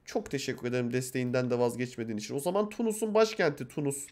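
A man's voice: mid-range voice, rapid-fire, darkish tone. A man streaming live, reading quiz clues aloud and teasing his friends in a casual, joking way.

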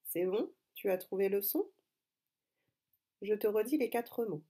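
Woman schoolteacher, mellow voice, slow deliberate phonics lesson for kids. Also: mid-range voice, lively intonation. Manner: slow, clear, deliberate teacher talk addressing pupils. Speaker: primary school teacher.

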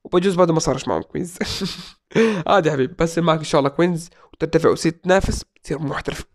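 Talking very fast in a voice on the high side, a man in his twenties sits at a desk in a small room for a casual Q&A vlog. He reads viewer questions aloud and answers them with playful jokes.

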